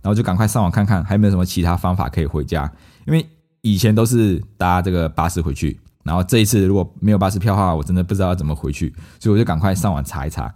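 A man's voice: low-pitched, rapid-fire. A man, telling a story casually as a podcast host and acting out his family's lines. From Malaysia. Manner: lively anecdote-telling, acts out quoted family members.

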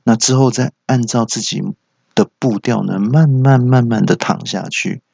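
A man's voice: medium pitch, normal speed, gravelly, a little mellow, breathy edge, no echo, highs cut off. A middle-aged man, hosting a comic storytelling monologue and acting out dialogue in raised voices. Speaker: host.

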